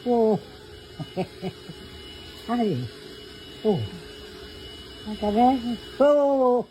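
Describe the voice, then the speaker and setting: A woman's voice: a little high, very slow, mellow, slight background noise, rough recording. A woman talking in playful, cooing baby talk to an infant, coaxing and laughing often.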